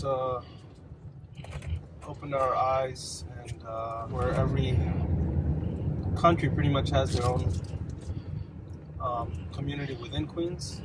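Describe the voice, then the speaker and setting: Man in his thirties with street noise. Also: mid-range voice. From Bangladesh. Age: 30s. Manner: relaxed, thoughtful, many fillers. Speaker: business owner. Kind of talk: interview answers. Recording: loud traffic noise outdoors.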